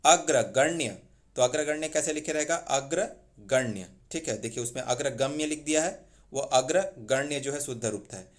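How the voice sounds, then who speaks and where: A man teaching an exam-prep spelling lesson. He says each word slowly and repeats the wrong and right forms. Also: on the high side. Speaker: Hindi teacher.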